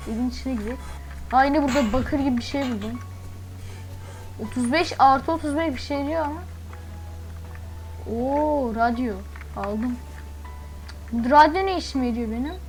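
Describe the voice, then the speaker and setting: Woman, high voice, gameplay commentary, chatty, startled yelps, faint music behind. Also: rough recording. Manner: chatty, thinks aloud, quick startled exclamations. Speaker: gaming channel host.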